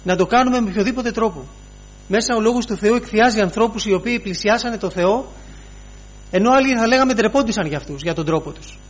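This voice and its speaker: A man with a high-pitched voice preaches a sermon, pausing frequently, repeating phrases, and slipping in "he says" as he retells scripture.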